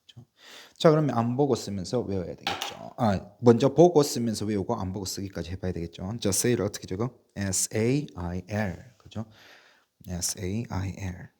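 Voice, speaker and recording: A male English teacher running a patient spelling drill, spelling words out slowly letter by letter and coughing now and then from a sore chest. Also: on the low side, mellow. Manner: patient, repetitive, asks and answers himself. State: coughing, bronchial trouble. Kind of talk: slow spelling drill lesson.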